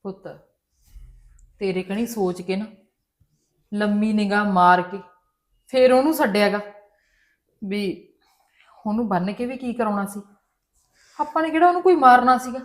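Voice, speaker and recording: A caring, traditional mother, played by a woman, soothes her daughter in a family drama scene. She speaks in a mid-pitched, coaxing voice and keeps calling her child softly. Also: moderate pace, long pauses, close to an everyday voice. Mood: reassuring. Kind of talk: Punjabi family drama dialogue.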